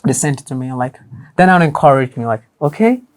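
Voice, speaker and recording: A young man with a boyish voice that lacks deep range, talking casually as an interview guest. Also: fast. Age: young adult. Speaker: interview guest, voice actor and writer.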